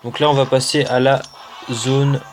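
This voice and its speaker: A gaming channel host with a French accent casually talks over his mobile game in a mid-range voice with flat delivery. He's slow, hesitant and peppers his speech with "euh." Music plays beneath him amid background noise.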